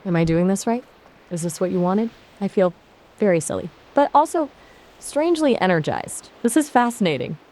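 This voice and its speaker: A synthetic woman's voice putting on a squeaky, giddy cartoon version of a female AI companion. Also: lively intonation, moderate pace, a little mellow, close to an everyday voice. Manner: giddy, bouncy.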